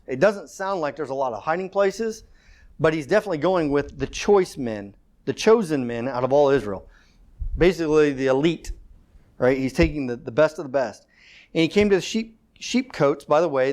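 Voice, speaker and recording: A man's voice: on the high side, darkish tone. A man teaching an informal Bible study, reading scripture aloud and explaining it in a conversational way, with fillers and self-corrections.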